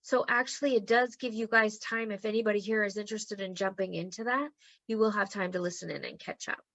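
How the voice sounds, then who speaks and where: This human design teacher talks a little fast in a mid-range, gravelly, somewhat bright voice with fairly even intonation. Casual and encouraging with her online group, she checks in with "okay?" often, her voice strained from losing it. The recording is lo-fi and dry.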